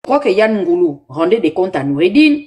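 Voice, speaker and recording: Woman host, low-ish voice, emphatic live commentary. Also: big pitch swings, fairly quick, mellow. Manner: emphatic, exhorting, speaks in repeated appeals.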